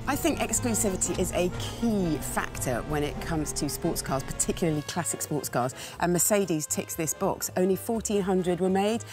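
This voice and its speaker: A woman's voice: fairly low pitch, animated, normal speed, few pauses. A woman speaking as a car expert in a documentary interview, breezy and exclamatory. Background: background music.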